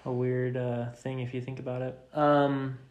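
A man's voice: medium pitch, little pitch movement, normal speed, darkish tone, highs cut off, a little hiss or hum. A young man co-hosting a podcast in casual chat, playful and jokey, often finishing his co-host's sentences. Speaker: podcast co-host. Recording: roomy home recording.

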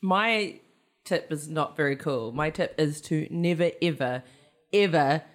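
A New woman co-hosts a casual podcast in a slightly low voice. She tells things with wry, dramatic emphasis and lingers on the words she wants to land. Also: a little slow. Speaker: podcast co-host. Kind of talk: casual chat.

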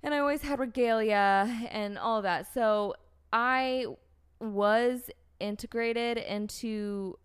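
This young American woman's voice is a little high, smooth and slow as she shares a personal story conversationally. She meanders, uses "like" and "um" constantly, and frequently restarts what she's saying.

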